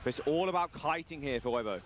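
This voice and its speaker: A man's voice: a little high, expressive. A man giving color commentary on an esports match in a casual, joking manner. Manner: casual, laid-back and quick with jokes. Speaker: esports co-caster.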